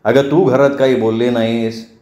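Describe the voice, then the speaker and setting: A man playing a stern middle-aged father who asks slow, controlled, probing questions. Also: medium pitch, steady tone, mellow, lightly acted. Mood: interrogating. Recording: roomy, dull lo-fi recording.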